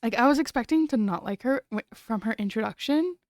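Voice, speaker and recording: A young woman streamer talking casually, her slightly high voice full of giggles and half-finished thoughts. She rambles and restarts. The sound is close and dry, with no room around her. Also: animated, brisk, a little mellow, no room sound. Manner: chatty, giggly, trails off and restarts. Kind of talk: casual late-night stream chat.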